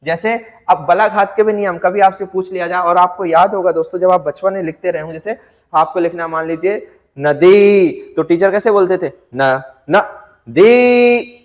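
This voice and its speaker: A male teacher giving an exam-prep grammar lecture, asking his students questions and answering them himself, and drawing out example words slowly to show stress. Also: high voice, fairly even intonation, big-room sound. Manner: addresses students as friends, asks and answers own questions.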